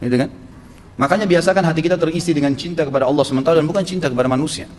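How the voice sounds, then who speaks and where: A man's voice: on the high side, very fast. A man preaching a sermon with blunt, emphatic advice. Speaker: Islamic preacher. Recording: long echo in a hall, faint noise.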